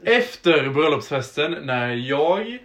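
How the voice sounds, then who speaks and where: A young man co-hosting a casual podcast, telling stories in an animated way. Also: fairly high pitch. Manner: animated anecdote-teller. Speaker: podcast co-host.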